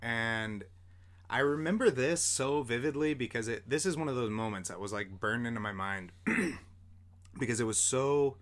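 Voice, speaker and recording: A man's voice: medium pitch, normal speed, fairly bright tone. A young man, a podcast host, telling a story in a rambling, casual way, full of fillers and the odd swear word.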